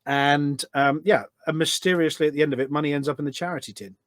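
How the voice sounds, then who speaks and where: A middle-aged man, a volunteer event organiser appearing as a podcast guest, talks casually and at length in a conversational interview, explaining things through anecdotes. His voice is slightly high, steady, fast and a bit bright, captured in a dry, studio-quality recording.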